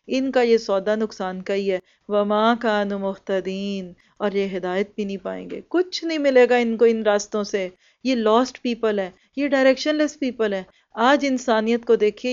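A woman gives an earnest, exhorting religious lecture as a Quran teacher. Her voice is smooth, clear and somewhat high. The recording sounds slightly dull and lo-fi. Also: a little mellow. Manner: earnest, exhorting, mixing in English words.

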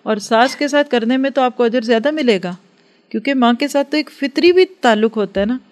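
A woman's voice: a little high, brisk. A woman giving an earnest religious lecture to a class, advising and acting out everyday dialogues. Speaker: religious teacher.

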